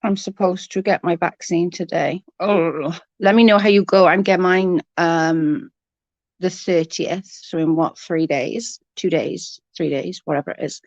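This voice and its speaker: A woman hosting a livestream chats casually with her live viewers and greets them by name, her voice congested, snotty and starting to give out as she coughs. Her pitch is fairly low and her tone steady and darkish, with a measured pace. The recording is muffled and has no room sound.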